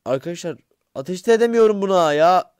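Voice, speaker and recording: A young man giving casual gameplay commentary, excitable and grumbling, swearing under his breath and talking straight to his viewers. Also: sits high, quick pace, smooth, dry recording, clean studio sound. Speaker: gaming YouTuber.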